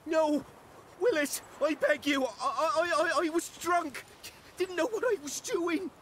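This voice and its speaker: An actor playing a surly young village arsonist in a video game, coarse and scornful, slipping into wheedling. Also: male voice, medium pitch, lively intonation, takes it slowly, a little hiss or hum. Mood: begging.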